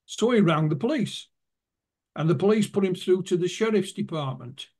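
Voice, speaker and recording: A man's voice: high-pitched, animated, moderate pace, a little mellow. A man being interviewed as an author, telling anecdotes and retelling what witnesses told him. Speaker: author and guest. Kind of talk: interview storytelling.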